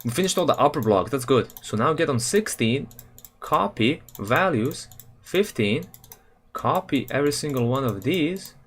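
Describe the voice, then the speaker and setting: The young Serbian streamer, mid-range in pitch with a breathy edge, talks at a moderate pace while constructing a game level. His chat is casual and slangy, loaded with fillers and self-corrections, over keyboard and mouse clicks.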